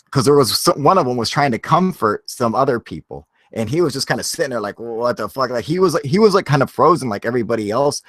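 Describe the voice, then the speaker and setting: A man's voice: medium pitch, a bit bright, dry recording. A man telling a story in a casual, rambling way, full of fillers and frequent laughs.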